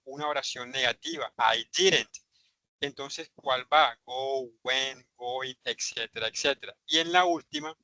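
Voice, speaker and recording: A man teaching an online English grammar class, patiently repeating examples and speaking slowly over a video call. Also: mid-range voice, pushed and bright, dry recording, rough recording.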